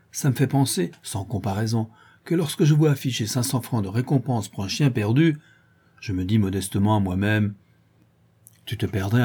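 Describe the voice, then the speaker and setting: A man voicing a rough, loyal Parisian ex-brawler who rambles in street slang. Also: on the low side, warm tone.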